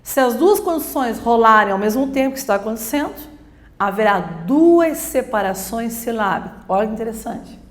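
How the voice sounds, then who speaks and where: A woman teacher explains grammar step by step, putting questions and then answering them herself. Her voice sits fairly high. The room is echoey. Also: lively intonation, normal speed. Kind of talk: grammar lesson for exam prep.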